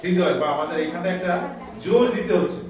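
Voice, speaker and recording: A man's voice: high voice, fast talker, very echoey, recorded from a distance. A man teaching schoolchildren a music lesson, explaining step by step, calling out scale notes and scolding the chatty ones. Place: school classroom.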